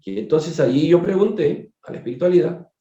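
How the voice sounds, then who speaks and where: A doctor telling a case story during a spiritist book study, conversational and digressive, repeating words and turning to his listeners with quick asides. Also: a little high, animated, dark tone. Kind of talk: storytelling lecture. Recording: echoey room, dull lo-fi sound.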